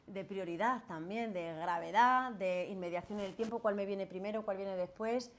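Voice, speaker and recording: A woman's voice: medium pitch, moderate pace, a little hiss or hum. A woman lawyer with a Spanish accent, giving a casual lecture to students and often checking in with "right?". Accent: Spanish from Spain. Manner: chatty, asks "¿vale?" and "¿no?" often, acts out quoted voices. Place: classroom.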